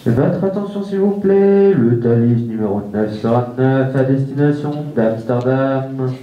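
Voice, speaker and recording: An actor playing a man making a train announcement over a station public-address loudspeaker, in a slow, formal announcer delivery. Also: medium pitch, muffled recording. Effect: heard over a station public-address loudspeaker. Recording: echoey loudspeaker in a station hall.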